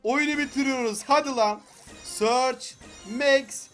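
A young man giving excited gameplay commentary, frustrated and pleading with the game as he opens loot boxes. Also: extremely high pitch, slow pace, music in the background. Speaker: gaming YouTuber.

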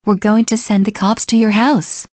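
A young man squeaking as a stern female dispatcher. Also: level tone, moderate pace, darkish tone, no room sound.

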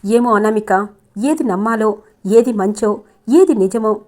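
A woman voicing a gentle young husband and poet, speaking with wounded, pleading questions. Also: mid-range voice, slow pace, close to an everyday voice. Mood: heartbroken.

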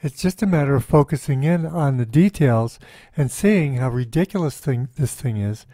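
A man's voice: mid-range voice, animated, normal speed, dark tone, no echo, clean studio sound. A man hosting a casual interview, amused and encouraging his guest. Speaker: host.

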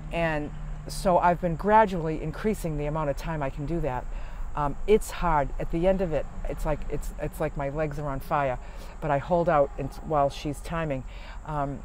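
Man, van-life vlogger, higher register, loose rambling delivery with fillers; faint vehicle noise behind. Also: a little mellow, rough recording. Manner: rambling, chatty, many fillers and restarts. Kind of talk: casual chat to camera. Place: parked van at a rest stop.

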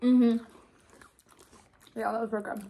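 A woman's voice: on the high side, little pitch movement, slow, mellow. Young woman talking with her mouth full. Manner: candid, easygoing reactions. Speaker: vlogger. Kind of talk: casual taste-test chat. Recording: noisy with crinkling wrappers.

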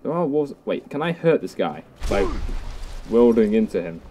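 A man's voice: lowish voice, normal speed, slight background noise. A young man giving casual, jokey commentary while playing a game, often talking to enemies. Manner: jokey, excitable, talks to enemies. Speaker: gameplay commentator. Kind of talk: casual let's play commentary.

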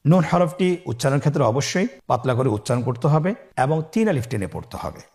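A man from Bangladesh teaching the Quran in a recorded lesson, patient and instructive, stretching each letter name long and loud so listeners can repeat it. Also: medium pitch, expressive, fast.

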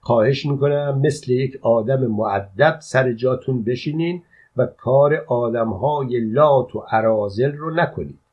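A man doing a calm, coolly scolding soldier servant. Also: mid-range voice, slightly rough, lightly acted. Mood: scolding calmly. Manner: unruffled, formal, coolly scolding. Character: calm, polite-mocking soldier servant, middle-aged man. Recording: dull lo-fi audio.

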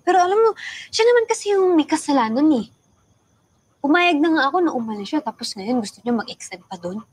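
Husky, lovesick young Filipina girlfriend. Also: on the high side, moderate pace, dry recording. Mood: frustrated, guilty. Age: young adult. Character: conflicted, lovesick young girlfriend, impulsive and earnest. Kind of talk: naturalistic film drama.

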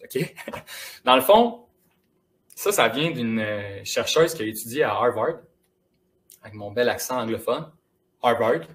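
A young man with a Quebec French accent giving a lively, casual, encouraging motivational talk to students in a school auditorium. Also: medium pitch. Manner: lively, casual and encouraging, addressing the audience directly. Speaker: motivational speaker.

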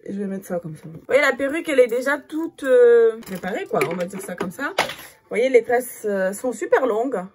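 A woman's voice: a little high, animated, normal speed, background noise. A woman in her thirties with a Cape Verdean Portuguese accent, chatting casually to the camera as a vlogger, with lots of fillers. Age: 30s. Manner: chatty, many fillers, distracted by her child.

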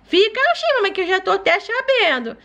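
Woman doing a tiny sick baby girl, high squeaky baby voice, clingy coos. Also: very animated, fairly quick, sharp tone, dull audio, heavily acted. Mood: sickly whiny. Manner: babyish lisping coos and suckling hums. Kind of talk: doll play role-play.

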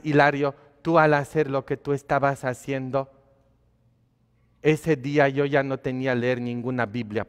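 A man, a priest, preaching a sermon in a conversational way, asking his congregation questions and shifting between quiet asides and loud emphatic lines. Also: medium pitch, clear, resonant tone. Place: church. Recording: long hall reverb of a church.

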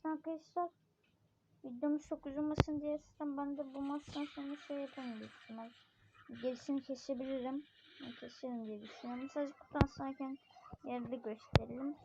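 A woman giving excitable play-by-play commentary on a mobile game, talking straight to her viewers. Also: high-pitched, fairly quick. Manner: excitable, keeps addressing viewers. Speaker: gaming channel host. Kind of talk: live mobile gameplay commentary. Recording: dull lo-fi recording with steady noise.

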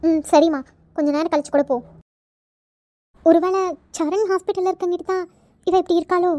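Woman doing a village mother, high voice, coaxing and motherly, dry close sound, cartoon. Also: steady tone, fairly quick, dark tone, no echo. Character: caring village mother, gently scolding. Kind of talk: cartoon voice acting.

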